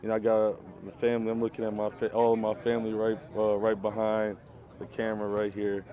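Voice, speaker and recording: A man's voice: lowish voice, monotone, a little fast, warm tone. A young man from Michigan, a college football player, talking earnestly and loosely with many fillers in an outdoor interview. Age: young adult. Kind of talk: casual interview talk. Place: outdoors at a youth football camp. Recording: crowd noise outdoors.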